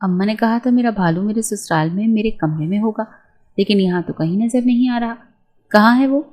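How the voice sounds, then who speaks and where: A woman's voice: medium pitch, darkish tone, lightly acted. A woman voicing a childish, sleepy teenage bride who whines and pleads, reading from an audio storybook. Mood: sleepy whining.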